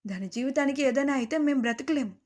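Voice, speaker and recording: A woman's voice: high-pitched, fast talker, a little mellow, lightly acted. Weeping middle-aged mother, begging, audio story, read by a woman. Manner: begging, tearful.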